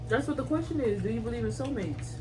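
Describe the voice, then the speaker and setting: A woman's voice: on the high side, lively intonation, quick pace. A woman chatting casually and informally in a playful, teasing way as she hosts a question game. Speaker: host of a couple's mukbang question game. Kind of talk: casual chat. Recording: distant mic, clearly noisy background.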